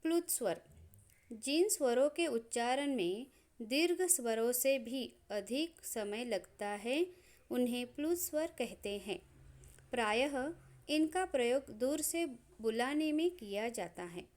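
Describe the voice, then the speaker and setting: In a fairly high, animated voice with a darkish tone, a woman gives a grammar lesson. She moves slowly and deliberately, spelling out each sound one at a time with measured pauses, as in a slow explanatory lesson.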